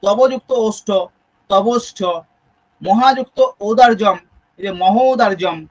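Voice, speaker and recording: A man's voice: high voice, measured pace, highs cut off. A man with a Bengali accent teaching a Sanskrit grammar lesson, explaining step by step and checking in with students through frequent questions. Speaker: Sanskrit tutor. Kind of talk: exam-prep grammar lesson.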